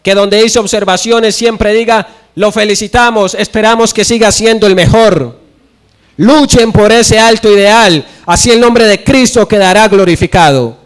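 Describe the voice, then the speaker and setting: Young guy preaching, pretty high voice, tells stories and acts out the lines. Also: normal speed, hardly any pauses. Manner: storytelling preaching, acting out dialogue. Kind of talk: sermon.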